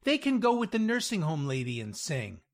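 A man reads the part of a crafty old leader of a church group, drawling his plans slowly. The voice sits high and swings widely. It comes across as a storybook figure. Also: huge pitch swings. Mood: scheming.

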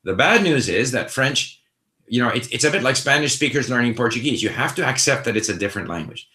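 Talking fast with lively intonation, this middle-aged man has a bright, forceful, mid-range voice. He's hosting an informal live Q&A on language learning, answering viewers in a thoughtful, conversational manner marked by frequent fillers and restarts. Echo fills the room.

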